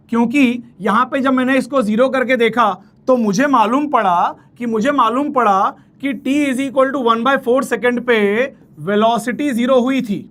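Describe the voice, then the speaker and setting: A man's voice: very high-pitched, a bit bright. A man teaching physics in an online exam-prep lecture, coaxing and familiar, repeating key phrases and speaking.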